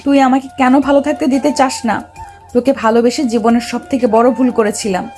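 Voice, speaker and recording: A woman's voice: a little high, steady tone, a little fast, faint music behind, close to an everyday voice. Woman voicing Tisha, bitter angry young wife. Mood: furious. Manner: shouting, scolding, resentful. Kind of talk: Bengali audio drama acting.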